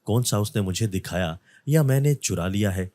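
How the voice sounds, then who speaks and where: A man's voice: on the low side, animated, moderate pace, darkish tone, dry recording, lightly acted. A man voicing an indifferent, lazy beggar husband who grumbles and brushes things off. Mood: grumbling. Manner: grumbling, dismissive.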